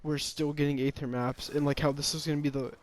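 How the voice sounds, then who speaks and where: A man's voice: on the high side, level tone, fast talker, slight background noise. A man giving a casual, rambling opinion monologue about a game, often hesitating, restarting and sighing.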